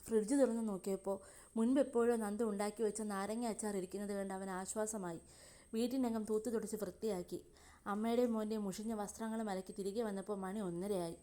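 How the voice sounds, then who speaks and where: A woman narrates a serial romance in a steady, even reading voice. Her tone is mellow and dark. It is scripted storytelling. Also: mid-range voice, fairly quick.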